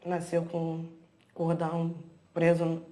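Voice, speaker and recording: A woman's voice: sits low, monotone, slow pace, warm tone. A young woman giving a personal testimony in a documentary, retelling events with repeated words and acted-out quotes. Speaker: interviewee.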